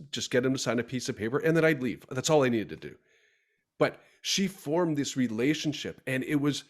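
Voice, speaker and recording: A man hosting a podcast, telling stories casually and acting out the dialogue he quotes. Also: mid-range voice. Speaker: podcast host.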